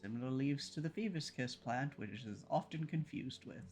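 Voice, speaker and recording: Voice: medium pitch, moderate pace, darkish tone. A livestreamer playing a game, reading its text aloud and chatting casually, with playful exclamations and murmured asides. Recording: game music behind the voice.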